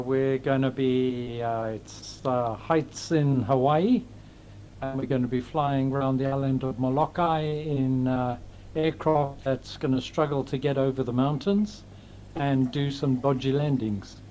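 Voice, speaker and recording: A man's voice: medium pitch, steady tone, a little slow, a little mellow, a little hiss or hum. A man who streams, talking casually and mocking himself on a group call. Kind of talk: casual voice chat.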